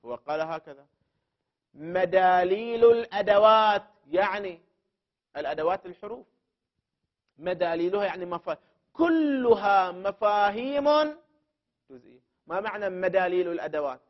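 This jurisprudence teacher has a high voice and delivers a methodical, animated classroom lecture at normal speed, pausing often. He explains step by step, addressing the student directly with questions and answering them by restating each term several times for emphasis. The audio is dull and lo-fi.

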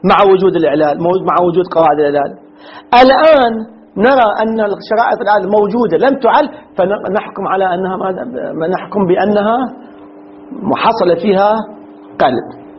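A man gives a classroom lecture in a husky, rather high voice. He keeps asking the students questions, answers them himself, and repeats his key terms. The recording sounds dull and lo-fi. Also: brisk. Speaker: teacher of Arabic morphology.

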